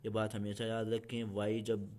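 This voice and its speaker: A man gives a slow, patient grammar lesson, going over each point twice. His voice sits fairly low. A faint hiss runs under the recording. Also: monotone, darkish tone. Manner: patient, repeats each point in two languages. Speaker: English teacher.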